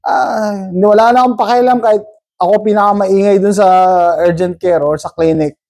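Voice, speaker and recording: A man's voice: sits high, steady tone, moderate pace, darkish tone. A man vlogging in casual storytelling mode, chatty and rambling, often tagging his sentences with a questioning "no?".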